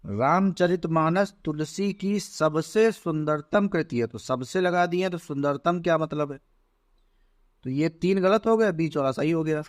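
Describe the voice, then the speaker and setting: A man teaching as he goes through an exam paper, slow and deliberate, often checking in with "theek hai". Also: a little high, no room sound, studio quality. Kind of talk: exam paper walkthrough lesson.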